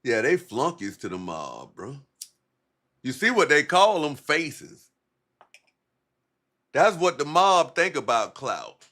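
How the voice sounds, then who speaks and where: A man's voice: mid-range voice, pushed and bright. A man hosting a casual, profane livestream, rambling in a laid-back stoner way with heavy slang and swearing. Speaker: livestream host.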